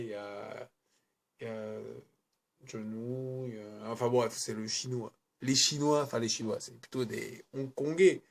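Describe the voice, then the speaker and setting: A man's voice: medium pitch, a little mellow. A man giving a casual, rambling film review, often correcting himself and speaking in slang. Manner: rambling, self-correcting, colloquial.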